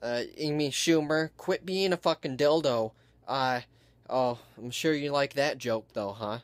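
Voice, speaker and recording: Guy doing a deadpan comedy vlog, slow and halting, ums everywhere. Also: mid-range voice, low-quality recording. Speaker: vlogger. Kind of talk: deadpan comic vlog monologue.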